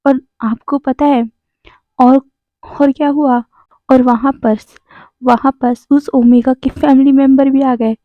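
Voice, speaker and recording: A woman narrating a fan fiction story in a chatty, casual way, talking straight to her listeners. Her voice is high. The recording is dry and dull, with a lo-fi sound. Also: fairly even intonation, slow pace, dry recording. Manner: chatty, addresses listeners directly.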